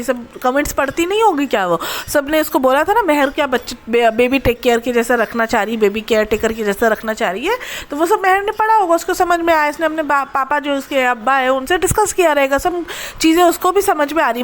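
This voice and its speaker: Woman, vlogger, high voice, sarcastic, teasing gossip commentary. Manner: sarcastic, teasing, mocks others.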